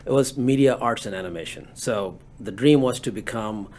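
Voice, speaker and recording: Low-voiced man telling his story. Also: moderate pace, slight background noise. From Bangladesh. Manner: relaxed, rambling with many fillers. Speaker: guest entrepreneur. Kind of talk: conversational interview answers.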